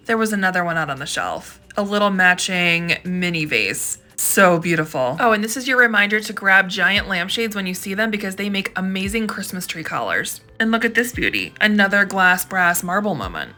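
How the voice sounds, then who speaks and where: A woman's voice: medium pitch, animated, moderate pace, hardly any pauses, pushed and bright. A woman host narrating a casual thrifting vlog, gushing with enthusiasm over each find.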